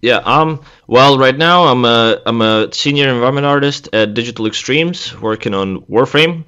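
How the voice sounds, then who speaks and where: A man in his thirties from Latvia, a guest artist chatting casually in an interview, relaxed and laughing easily. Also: mid-range voice, normal speed, clean tone. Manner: relaxed, laughs easily, speaks in loose restarts. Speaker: guest, senior environment artist.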